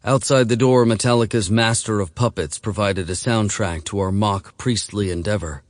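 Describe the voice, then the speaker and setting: A man narrating an audiobook in a measured, steady reading voice. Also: fairly low pitch, dry recording, clean studio sound. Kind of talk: scripted narration.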